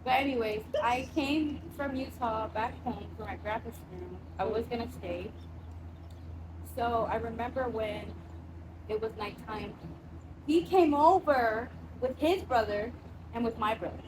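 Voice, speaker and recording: Against a steady background noise in the room, a young guest from Samoa recounts her story a little slowly in a voice that sits slightly high. She's lively and casual, cursing freely and imitating the voices of others.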